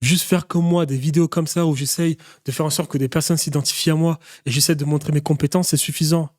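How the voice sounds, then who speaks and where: A man's voice: a little high, fairly even intonation, fast talker, darkish tone. A man, a business consultant, giving a direct and urgent motivational talk on doing business online.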